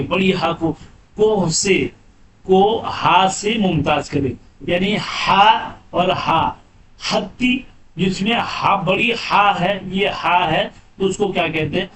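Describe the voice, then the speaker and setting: A man's voice: high voice, background noise. A man teaching grammar for an exam, repeating terms and asking then answering his own questions. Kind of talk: exam-prep lesson.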